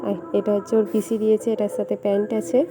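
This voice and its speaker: A young woman vlogger chatting casually and speaking softly at home so her sleeping son stays asleep. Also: mid-range voice, monotone, rapid-fire. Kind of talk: casual vlog chat. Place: at home indoors. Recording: home recording with music playing nearby. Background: fair music playing nearby.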